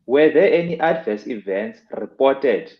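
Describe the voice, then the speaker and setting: A man's voice: medium pitch, lively intonation, a little slow. A man with a South African Xhosa accent explaining things as a radio interview guest, switching between two languages, in muffled, roomy audio. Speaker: health expert guest.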